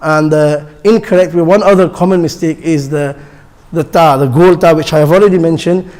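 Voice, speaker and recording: A man with a high-pitched voice leads a pronunciation lesson for the call to prayer. He speaks patiently, repeating each point and demonstrating the sounds himself. His voice carries a long reverb from a large hall. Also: steady tone, moderate pace, darkish tone. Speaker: instructor teaching the call to prayer. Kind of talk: classroom instruction. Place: mosque hall.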